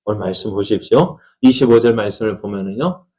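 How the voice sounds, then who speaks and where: A man's voice: fairly low pitch, fairly quick, dark tone, low-quality recording. A middle-aged man, a pastor, preaching a conversational Sunday sermon in a church, asking the congregation questions and acting out family quarrels. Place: church sanctuary.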